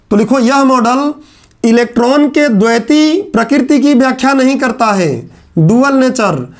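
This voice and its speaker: A male teacher, dictating lecture notes point by point and repeating each line for students to write. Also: extremely high pitch. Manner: repetitive, dictates points slowly then explains in quick asides.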